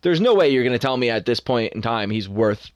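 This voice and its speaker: A young man co-hosting a podcast in a casual sports chat, opinionated and animated. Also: mid-range voice, dry recording. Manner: opinionated, animated, quick asides. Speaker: podcast co-host.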